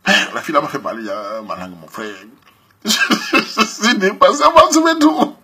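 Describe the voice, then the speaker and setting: A man with a Cameroonian French accent, hosting a show where he comments on a listener's letter and gives advice in a lively, slangy style, laughing often and swinging between loud outbursts and low asides. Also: measured pace, background noise. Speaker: host.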